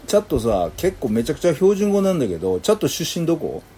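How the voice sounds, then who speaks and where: A man's voice: fairly high pitch, big pitch swings, quick pace, dark tone, slightly rough. A man chatting casually with an AI and teasing it playfully. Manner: teasing, playful, slips into Kansai dialect. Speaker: user chatting with an AI. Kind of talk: casual chat.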